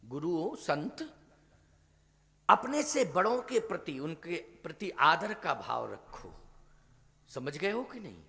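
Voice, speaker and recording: High-voiced preaching man in a hall. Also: very animated, takes it slowly, gravelly, pauses often, sharp tone. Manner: preaching with rhetorical questions to the audience. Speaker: spiritual teacher giving a Ramkatha discourse.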